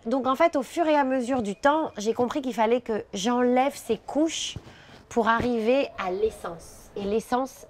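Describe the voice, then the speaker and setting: A middle-aged woman from France, speaking reflectively in a documentary interview, often pausing with fillers as she searches for words. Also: medium pitch.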